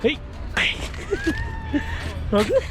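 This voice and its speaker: A man casually narrating a travel vlog outdoors, mixing English words into Malayalam with enthusiastic slangy exclamations. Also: extremely slow. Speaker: travel vlogger. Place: outdoors at a cold mountain tourist valley.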